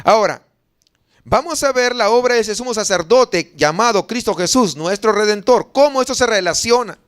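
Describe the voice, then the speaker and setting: A man's voice: high-pitched, lively intonation, moderate pace, fairly bright tone, clear, resonant tone. A male pastor preaching a sermon, reading Bible verses aloud and asking the congregation questions. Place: church.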